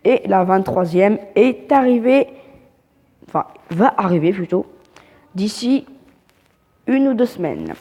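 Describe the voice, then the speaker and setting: A woman's voice: mid-range voice, very animated, slow, pauses often, mellow, in a large hall, dull audio. A woman hosting casual game update commentary, hesitant and full of fillers and restarts, with a French accent when reading English. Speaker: gaming channel host.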